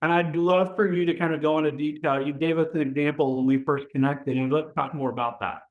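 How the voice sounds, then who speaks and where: A man hosting an interview, asking questions in a measured way and thinking aloud as he goes. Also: a little high, fairly even intonation, phone-quality sound. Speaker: podcast host. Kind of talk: conversational interview.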